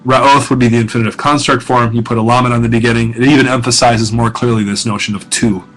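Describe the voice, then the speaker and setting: Middle-aged male professor, relaxed teaching talk, stops to check in, fillers and restarts. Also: mid-range voice, fast, poor audio. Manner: casual, self-correcting teaching talk with frequent fillers and check-ins. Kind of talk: recorded lesson narration.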